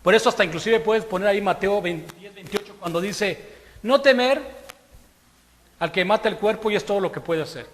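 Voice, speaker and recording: A man's voice: high-pitched, brisk. A man preaching a sermon, emphatic and conversational, acting out quoted voices. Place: church hall. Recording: long hall reverb.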